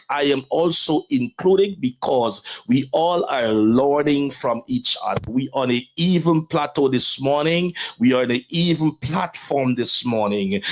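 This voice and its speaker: A man from Guyana with a Guyanese accent, a pastor hosting a motivational talk show, speaking with a repetitive, emphatic preaching cadence. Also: mid-range voice.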